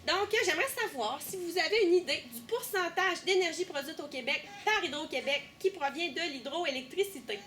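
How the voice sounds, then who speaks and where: A young woman with a Québécois accent guiding a tour group through an underground power station, lively, asking questions and teasing. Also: very high voice, brisk, few pauses, a little hiss or hum. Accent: Québécois French. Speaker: tour guide. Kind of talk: guided tour explanation.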